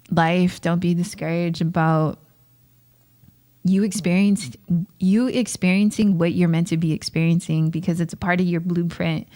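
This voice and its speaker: A woman's voice: lowish voice, a little mellow. A young woman hosting her own podcast, giving an unscripted motivational talk in loose slang, laughing often and calling her listeners fam and gang. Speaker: podcast host.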